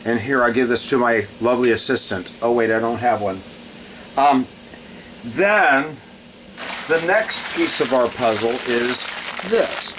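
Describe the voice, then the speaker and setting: A man's voice: mid-range voice, a little slow. A man chatting casually and in a rambling way as he shows a recipe on a home cooking video, breaking off now and then. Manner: rambling, often breaks off to handle things. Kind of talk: casual cooking vlog chat. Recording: loud steady hiss behind voice. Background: loud hissing.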